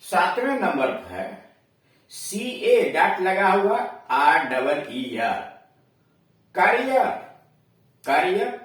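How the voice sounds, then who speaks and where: A man with a Hindi accent, teaching English pronunciation slowly in a classroom lesson, repeating each word as he explains it. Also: fairly high pitch, fairly bright tone. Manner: slow, explanatory, repeats words for drilling. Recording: echoey room, voice far from mic.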